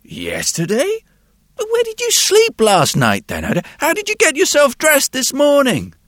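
A man's voice: very high voice, wildly swooping pitch, normal speed, fairly bright tone, no room sound, studio quality, pitched above the performer's own voice, exaggerated voice. A man playing a patient neighbourhood policeman who questions a lost boy with mounting disbelief. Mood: incredulous.

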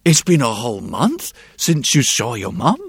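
A patient local policeman, as a man reads him aloud questions a lost child in a lively, rising voice full of disbelief. His tone climbs and dips a lot, and the sound is dry and close. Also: medium pitch, moderate pace, creaky, breathy edge, no echo, exaggerated voice. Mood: incredulous. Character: patient, incredulous neighbourhood policeman.

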